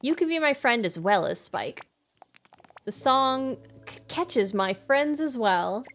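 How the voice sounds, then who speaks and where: A woman's voice: on the high side, expressive, slow pace, fairly bright tone, faint music behind, exaggerated voice. A woman reading the lines of a cheerful villager who is proud of a catchy fish song, in a chirpy sing-song way.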